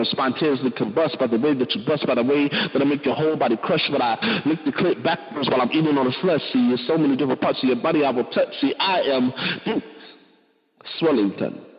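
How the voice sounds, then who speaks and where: A man's voice: mid-range voice, close to an everyday voice. A man playing a cocky rhyming seducer. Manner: rhyming spoken-word delivery, crude and cocky. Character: boastful smooth-talking male seducer persona. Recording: muffled with long reverb.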